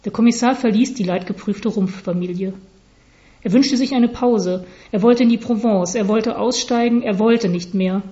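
A woman narrating an absurd story in a deadpan reading style. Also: mid-range voice, moderate pace. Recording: slightly dull recording.

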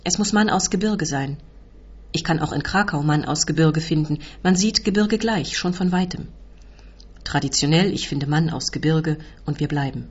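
List: woman, literary reading, low husky voice, dry and measured, dull lo-fi sound. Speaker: narrator reading her own story. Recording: dull lo-fi recording.

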